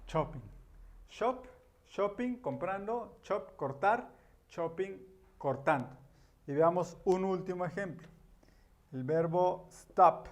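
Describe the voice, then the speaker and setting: Male teacher, slightly high voice, unhurried; explains grammar step by step, repeats key words. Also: expressive. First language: Spanish. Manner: patient, repeats key words, many "ujú" and "ajá" fillers. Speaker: English teacher.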